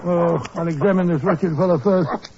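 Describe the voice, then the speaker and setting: An actor playing a blustering, self-assured gentleman doctor with a British accent in a 1940s radio drama. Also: a little high, normal speed, very noisy, lightly acted. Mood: concerned. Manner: pompous, blustering. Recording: dull old 1940s radio recording.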